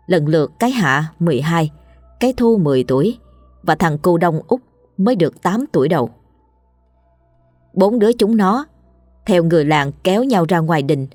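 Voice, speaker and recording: Woman narrator, ghost story, steady grave telling, low pitch, faint background music. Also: no echo.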